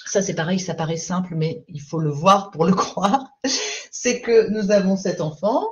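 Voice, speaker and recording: A woman parenting coach giving a live-streamed talk. She explains calmly and patiently and keeps checking in with her viewers. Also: lowish voice, normal speed, muffled recording.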